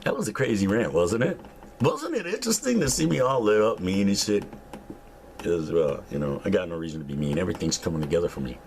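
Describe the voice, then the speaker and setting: Gravelly older man ranting profanely. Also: very animated, quick pace, a little hiss or hum. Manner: profane, preachy and mocking, swinging into high-pitched shouts. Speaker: vlogger. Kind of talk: angry ranting monologue.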